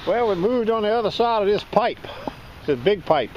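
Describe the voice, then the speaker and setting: Wading in shallow beach water with a metal detector, a man chats casually in a high voice at normal speed, relaxed and laughing often. The body-worn camera recording is lo-fi with a noisy background.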